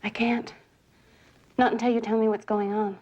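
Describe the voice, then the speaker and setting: Casting: woman playing loving, anguished wife in TV crime drama; pleading, higher-set voice. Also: level tone, moderate pace, a little mellow, highs cut off, lightly acted. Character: loving but anguished wife demanding the truth. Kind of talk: television crime drama acting.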